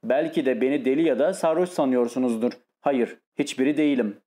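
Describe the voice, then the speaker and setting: A man voicing a tormented, lonely, nervous man who speaks in a halting, pained way in an audiobook. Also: medium pitch, warm tone, natural voice. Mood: desperate.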